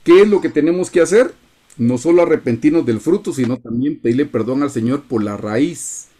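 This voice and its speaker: A man's voice: mid-range voice, brisk, mellow. A man teaching a Bible study over a video call, earnest and addressing his listeners as brothers.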